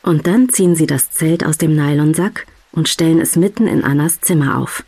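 A narrator calmly and gently reading a children's story aloud. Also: medium pitch, normal speed, dry recording.

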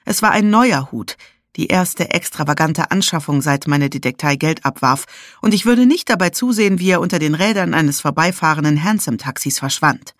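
A woman's voice: sits low, lively intonation, moderate pace, dry recording, studio quality. Woman narrating a first-person audiobook.

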